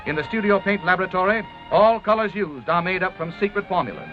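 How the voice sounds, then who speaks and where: Fast and high-voiced, the American narrator reads a scripted 1930s promotional film in a grand, formal announcer manner. Behind him, orchestral music fills a dull vintage film recording.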